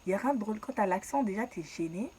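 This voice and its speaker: A young woman with a foreign accent in French, telling her own story in a lively, casual vlog style with quick asides. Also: mid-range voice, a little hiss or hum, poor audio. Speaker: vlogger.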